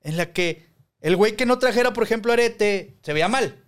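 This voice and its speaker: A man's voice: high-pitched, fairly quick. A Mexican man, likely in his forties, chatting casually as a podcast co-host, telling stories with slang and swearing. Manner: relaxed storytelling with slang and swearing. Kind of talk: casual chat.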